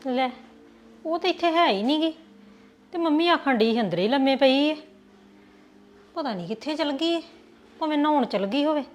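A woman's voice: high voice, expressive, normal speed, pauses often. A woman playing a fussing, caring young sister-in-law in a Punjabi village web drama, homely and conversational, with a Punjabi accent. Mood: practical.

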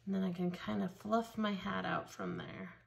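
A craft store instructor leads a casual tutorial, talking enthusiastically while she works with her hands at a table. Her mid-range voice swings widely in pitch, moves at a normal speed, and has vocal fry. Only her hands appear, filmed from an overhead camera.

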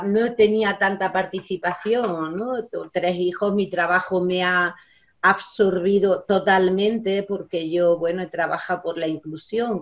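Speaking from her bookshelf-lined home study, a sixties-aged special education teacher who belongs to a union rambles through a casual video-call interview, full of fillers and tag questions. Her voice sits on the low side, and the laptop webcam audio sounds dull and lo-fi.

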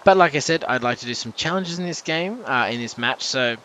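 A man's voice: medium pitch, lively intonation, brisk, sharp tone, a little hiss or hum. A young man hosting casual gameplay commentary. He rambles with lots of fillers and self-corrections, and breaks into jumpy reactions when danger appears. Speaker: channel host.

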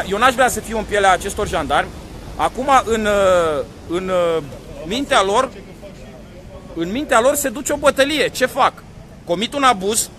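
A man with a high, bright voice is livestreaming from a phone outside a courthouse. He talks straight to his viewers, stressing his points and checking that they follow. Street traffic passes behind him. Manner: emphatic, addresses viewers directly with repeated questions. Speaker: livestreaming activist vlogger. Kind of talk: live commentary to viewers. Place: outdoors by a courthouse.

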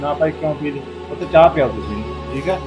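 A man's voice: on the high side, lively intonation, fast, over music, natural voice, poor audio. An actor playing a middle-aged father-in-law who keeps apologizing and pleading to make peace, in a village family drama. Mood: apologetic. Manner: pleading, apologetic, repeats himself.

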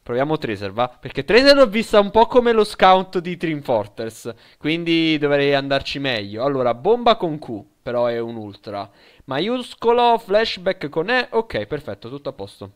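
Excitable Italian gaming streamer. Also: male voice, on the high side, moderate pace. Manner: excitable, shouting during fights, mutters setup aloud. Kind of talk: live gameplay commentary.

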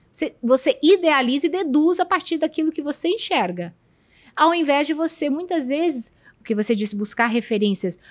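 Woman, 30s, Brazilian accent, podcast guest, emphatic explainer, fairly high pitch, dry sound. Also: no echo. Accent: Brazilian Portuguese. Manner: explanatory, emphatic, lists points. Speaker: podcast guest, communication professional. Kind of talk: casual podcast conversation.

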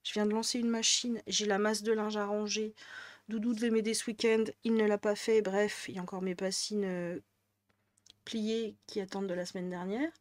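A woman's voice: mid-range voice, level tone, normal speed, no echo. A woman with a northern French accent, chatting casually in her craft vlog, rambling with many fillers and restarts. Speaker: crafting vlogger. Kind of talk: casual chat.

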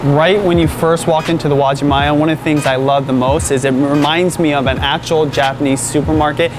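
A man's voice: on the high side, fairly even intonation, brisk, over music. A man in his thirties hosting an enthusiastic grocery store tour vlog, talking straight to camera on a lapel mic. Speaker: vlog host. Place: indoor supermarket aisles, some shots outside.

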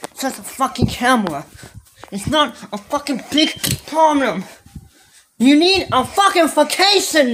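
Exasperated, foul-mouthed woman. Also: high-pitched. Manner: exasperated, swearing a lot, repeating herself. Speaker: host of a homemade comedy skit show. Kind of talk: improvised comedy skit. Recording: loud background noise.

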